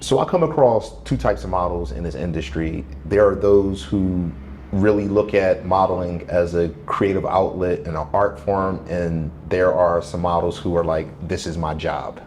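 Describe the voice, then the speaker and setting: Low-voiced male interviewer, faint background noise. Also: normal speed, a little mellow. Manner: probing, rephrases questions with options. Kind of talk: conversational interview questions.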